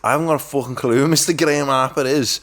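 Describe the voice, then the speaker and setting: A man's voice: medium pitch, fast, a bit bright. A man hosting a podcast, telling stories in a blunt, sweary, casual way. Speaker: podcast host. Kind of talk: casual chat.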